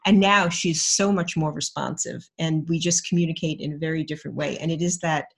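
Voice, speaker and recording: A woman co-hosting a podcast talks in a low, husky voice. Her delivery is casual and reflective, and she often pauses to search for the right word. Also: steady tone. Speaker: podcast co-host. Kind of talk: casual conversation.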